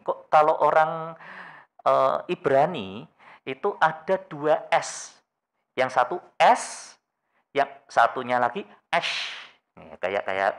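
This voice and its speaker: Brief: male pastor, unhurried sermon, wide-ranging expressive pitch, storyteller with jokes. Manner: storytelling with rhetorical questions and humorous asides.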